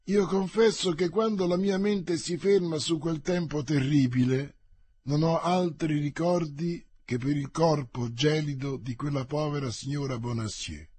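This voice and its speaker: A man voicing a bold young male musketeer in an audiobook reading, speaking briskly and emphatically. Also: on the high side, a little mellow, breathy edge, no room sound. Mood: brooding.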